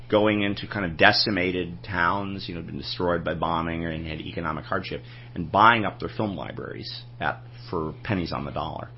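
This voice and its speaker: A man's voice: sits low, highs cut off, slight background noise. A man telling anecdotes in a casual interview, rambling and restarting his sentences. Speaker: film collector guest.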